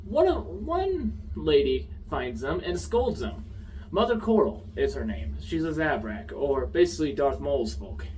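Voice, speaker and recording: A young man giving a casual, sarcastic TV show review, now and then getting loud. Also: on the high side, a little slow, distant mic, slight background noise, rough recording. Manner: animated, sarcastic, gets loud.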